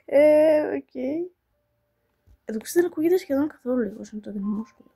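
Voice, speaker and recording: A channel host plays a mobile game and chats through it, thinking aloud about each move and repeating words like "here" and "no." Her high, animated voice is creaky and dark-toned, and she's self-mocking and apologetic toward viewers.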